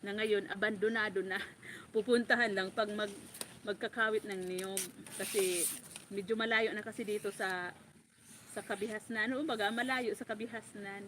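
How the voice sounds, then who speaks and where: A woman from the Bicol region of the Philippines, a farm vlogger, telling a story in a casual, animated way, laughing often and calling her listener by name. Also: mid-range voice, moderate pace, pauses often, a little hiss or hum. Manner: animated, laughs often, repeats a friend's name as she talks.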